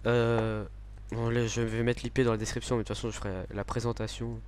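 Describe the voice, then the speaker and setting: A man chatting casually while playing a game with a friend, laid-back and halting, often pausing on fillers. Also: medium pitch, completely flat delivery, darkish tone, a little hiss or hum. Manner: hesitant, many fillers and restarts, laid-back. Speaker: gamer, server owner. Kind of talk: casual gameplay commentary.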